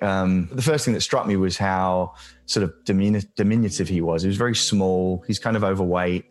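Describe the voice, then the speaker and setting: A man being interviewed as a journalist guest, talking casually and reflectively with plenty of hesitations. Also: low-pitched.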